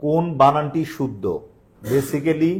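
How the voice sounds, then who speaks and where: A man's voice: a little high, slow pace, darkish tone. A young man with a Bangladeshi Bengali accent teaching an online grammar lesson for admission coaching, asking his students questions and answering them himself.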